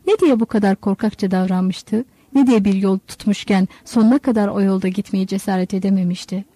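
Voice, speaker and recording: A woman narrating a literary novel in a measured, storytelling manner. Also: medium pitch, mellow, no echo. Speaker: audiobook narrator.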